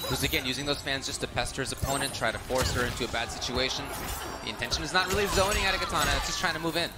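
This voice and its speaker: A man giving animated live colour commentary on a fighting game, stretching out his exclamations. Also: medium pitch, rapid-fire. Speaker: esports commentator. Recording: loud music behind the commentary.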